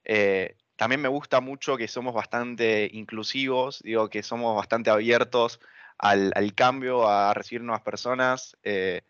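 The interviewee is a young adult student activist speaking Buenos Aires Argentine Spanish, hesitant and earnest as he thinks out loud. His medium-pitched voice is steady, unhurried, and a bit bright, with a clean tone and no echo, though the audio overall is dull and lo-fi.

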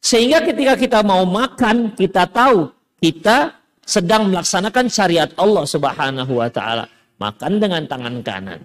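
A man preaching a lively, conversational sermon, quoting Arabic and acting out parents and children. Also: sits high, moderate pace. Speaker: Islamic preacher.

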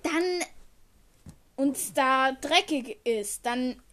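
Young girl guest on a podcast, high voice, slow unhurried talk, playful. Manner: playful, teasing, breaks into loud outbursts. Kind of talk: casual podcast chat.

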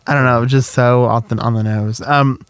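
A man's voice: medium pitch, fairly even intonation, smooth, no echo. A young man hosting a casual podcast chat in a playful, teasing, jokey way. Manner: playful, jokey, quick to tease. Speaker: podcast host.

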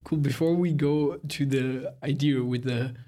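A man hosting a podcast, asking questions in a casual, hesitant way with frequent pauses and restarts. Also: medium pitch, fairly even intonation, dark tone. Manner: hesitant, many fillers and restarts. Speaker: podcast host. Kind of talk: casual interview.

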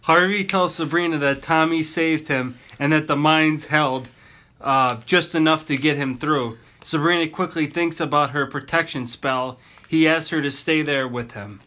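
A man with a slightly high, bright voice recaps a TV episode for his co-hosts. He reads through the plot beat by beat, stumbling and restarting now and then. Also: a little slow. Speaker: podcast co-host. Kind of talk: casual recap chat.

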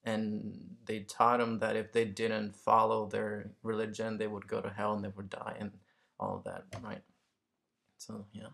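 With a lowish, fairly bright voice, lively intonation and some vocal fry, a man from Mexico talks at normal speed as an interview guest. His casual, reflective speech is tentative and word-searching, and he keeps checking in with the listener by ending statements with "right?".

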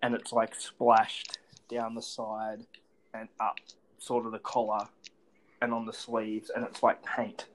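A man's voice: fairly low pitch, completely flat delivery, takes it slowly, long pauses, slight background noise, low-quality recording. An Australian man hosting a podcast, chatting casually as a sports fan. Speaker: podcast host.

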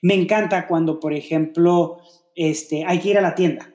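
A man's voice: fairly high pitch, fairly even intonation, moderate pace, darkish tone. A man co-hosting a casual faith-based podcast about relationships, talking reflectively and filling his thoughts with rhetorical questions. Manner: reflective, explains with many fillers and rhetorical questions. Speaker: podcast co-host. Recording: echoey room.

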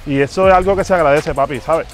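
A man doing a bragging fake celebrity singer with a Puerto Rican accent, pushy and vain, calling everyone papi in a high voice. He talks on a street for a hidden-camera prank, with music playing faintly behind. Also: quick pace, close to an everyday voice. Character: male self-important fake famous Puerto Rican singer. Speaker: prank show host.

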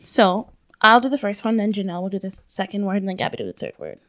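A woman's voice: medium pitch, sing-song, quick pace, a bit bright, dry recording. A young woman hosting a casual chat with friends, giggly and bursting into sung lines. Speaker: podcast host.

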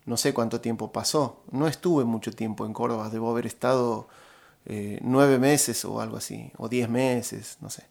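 A middle-aged man with an Argentine Spanish accent, casually telling a rambling anecdote, halting often with fillers and restarts. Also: mid-range voice, fairly even intonation, vocal fry, a little mellow. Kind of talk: casual storytelling.

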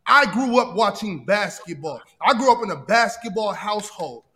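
Brief: man, 30s, NBA debate panelist, rapid and insistent, high bright voice. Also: animated. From Seattle area. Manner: fast, insistent, repeats himself. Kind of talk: heated debate.

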